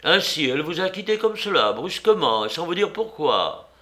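A man voicing a severe police commissioner who questions a suspect sharply and loudly. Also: on the high side, big pitch swings, moderate pace, voice pushed up. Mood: mocking. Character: stern, probing male police commissioner.

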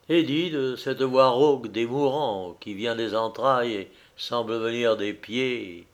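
A man narrating a literary audiobook in a measured, solemn reading. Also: mid-range voice.

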